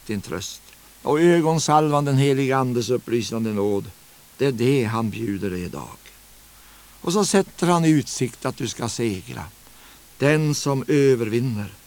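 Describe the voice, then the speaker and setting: An earnest male preacher delivering a sermon at a middle pitch. He presses his listeners with direct rhetorical questions and slows down to stretch the words he wants to stress. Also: a little mellow.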